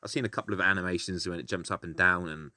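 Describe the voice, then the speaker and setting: A man's voice: low-pitched, fairly even intonation, fast talker, bright, forceful tone, no room sound, clean studio sound. A British man explaining a game in a casual, grumpy, grumbling way, blunt and sweary as he gives his opinions. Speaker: gaming video host.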